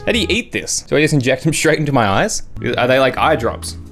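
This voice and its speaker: A man's voice: mid-range voice, sing-song, fast talker, fairly bright tone. A young adult man chatting casually and drily as host of a taste test, talking while he eats sour candy. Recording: music behind the voice. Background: background music.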